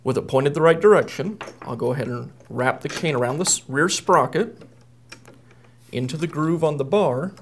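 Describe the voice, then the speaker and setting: In this how-to demonstration, a repair technician in his thirties explains a hands-on job at a workbench indoors. His voice is a little high and his pace moderate; he keeps things plain and methodical, with slight background noise.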